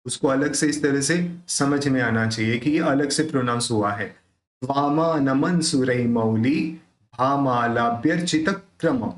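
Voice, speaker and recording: A man teaching the pronunciation of a devotional hymn, reciting verses slowly and then explaining the rules in a conversational way. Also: medium pitch, reverberant.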